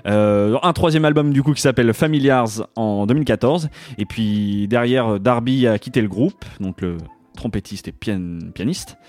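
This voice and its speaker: Relaxed man presenting music tracks. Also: mid-range voice, normal speed, no room sound. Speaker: music show co-host. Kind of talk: casual music chat and presenting.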